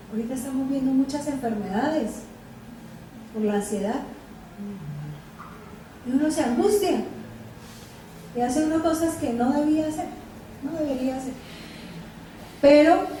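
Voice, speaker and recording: High-voiced woman preaching in an echoey room. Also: mellow. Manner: asks the listeners questions, repeats Bible verses. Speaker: Bible teacher. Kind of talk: Bible study sermon. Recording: echoey room from far off, faint noise.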